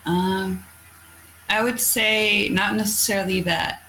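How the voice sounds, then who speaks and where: A Norwegian woman who works as a coastal fisherman tells stories in English, her second language, during a casual interview, speaking candidly and bluntly with mild cursing. Her mid-range voice is bright and forceful, fairly even in intonation, and she takes her time. The audio is poor, with slight background noise.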